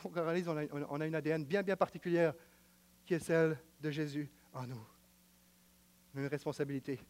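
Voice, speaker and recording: Speaking with a Quebec French accent, a man preaches a sermon in an emphatic, repetitive style, moving between loud declaiming and quiet, close talk. His voice is a little high and steady in tone, and he's a little fast.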